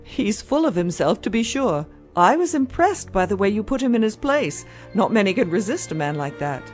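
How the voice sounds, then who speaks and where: A woman's voice: medium pitch, sing-song, moderate pace, a little mellow, soft background music, natural voice. A woman playing a jaded, frank hospital doctor in an audio drama, skeptical and matter-of-fact. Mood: curt, wary.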